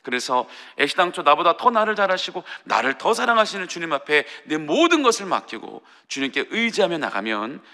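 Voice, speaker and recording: A man's voice: fairly high pitch, big pitch swings, a little fast, few pauses, pushed and bright. A man preaching an earnest dawn sermon as pastor, pleading and heartfelt. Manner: earnest, pleading preaching with acted parent voices. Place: church sanctuary. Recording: long hall reverb.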